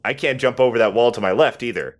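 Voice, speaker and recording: A let's player with a medium-pitched voice talks fast as he plays, tossing off casual asides over video game music.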